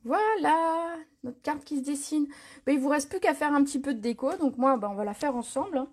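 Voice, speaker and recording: A woman hosting a live craft tutorial, chatting casually, answering viewer comments and filling pauses with little words as she works. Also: sits high. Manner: chatty, reads viewer comments aloud, frequent fillers. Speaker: crafting demonstrator. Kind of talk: live stream tutorial chat.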